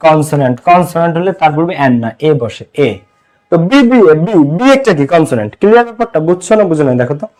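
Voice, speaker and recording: A young man with a fairly high voice teaches a live online class. He keeps asking his students short questions and answering them himself, repeating key words over and over. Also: darkish tone, low-quality recording. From Bangladesh. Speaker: English teacher.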